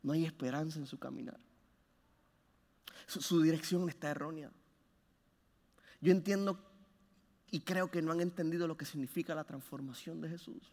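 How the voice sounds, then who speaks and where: High-voiced man preaching in a reverberant hall. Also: steady tone, normal speed, long pauses. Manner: impassioned, swings from loud urging to hushed low phrases. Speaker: pastor. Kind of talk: sermon.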